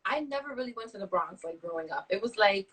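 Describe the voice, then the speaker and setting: A woman's voice: mid-range voice, lively intonation, quick pace, fairly bright tone, breathy edge, far from the mic, rough recording. A woman from Brooklyn, an abstract artist chatting casually in an interview, thinking aloud with frequent restarts. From Brooklyn, New York. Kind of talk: casual interview over a live stream.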